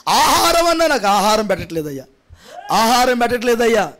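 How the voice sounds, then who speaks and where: A preacher acting out a desperate, starving young man who begs for food in a high, strained voice, crying the same plea over and over in a sermon story. Each line leans louder and more anguished. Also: expressive, a little fast, heavily acted. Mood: desperate pleading. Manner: wailing, repetitive pleading.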